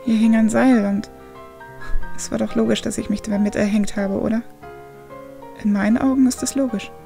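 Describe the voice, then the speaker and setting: A woman voicing a sad young male ghost who talks softly and quietly, full of apology. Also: fairly high pitch, steady tone, moderate pace, gravelly, soft background music. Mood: quiet remorse.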